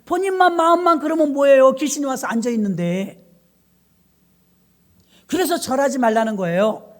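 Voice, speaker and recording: A woman's voice: on the high side, darkish tone. A middle-aged woman pastor preaching a sermon, emphatic and firing rhetorical questions at her congregation.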